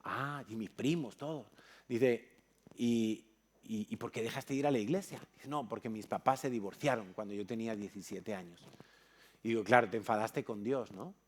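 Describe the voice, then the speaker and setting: A man's voice: on the low side, normal speed. A man from Spain preaching in church, telling a story with acted-out dialogue. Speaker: pastor. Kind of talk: sermon.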